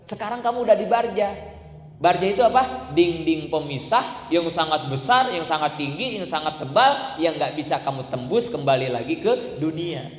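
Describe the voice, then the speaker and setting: A man preaching a sermon, acting out the pleading voices of the dead. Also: on the high side. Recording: echoey hall.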